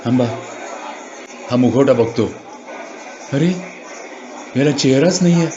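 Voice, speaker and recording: A man's voice: medium pitch, slow pace, a crowd in the background. A man performing a dramatic first-person monologue, sounding bewildered and asking himself questions. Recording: dull, muffled lo-fi recording.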